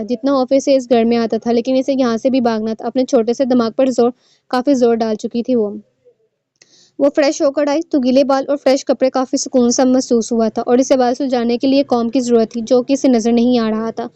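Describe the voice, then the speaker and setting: A woman narrating a novel aloud in a steady storytelling manner. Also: sits high, lo-fi sound.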